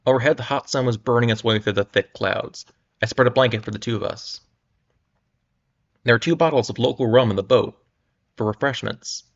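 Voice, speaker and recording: A man's voice: mid-range voice, brisk, creaky, pauses often. A young man casually reading a pulp novel aloud on a livestream, with wry asides and stumbles, in muffled lo-fi audio. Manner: wry, amused, stumbles over words. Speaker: livestream reader.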